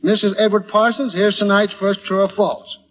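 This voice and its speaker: High-voiced American radio quiz host. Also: male voice, fairly even intonation, normal speed. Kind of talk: 1940s radio quiz show hosting. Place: large hall at a live radio broadcast. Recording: dull old radio recording, hall reverb, hiss.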